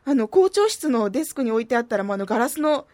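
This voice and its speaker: A woman's voice: a little high, very animated, quick pace, darkish tone. A woman hosting a radio show, chatting casually and reading listener posts in a playful, self-mocking way with a slight lilt. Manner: playful, self-mocking, puts on silly voices.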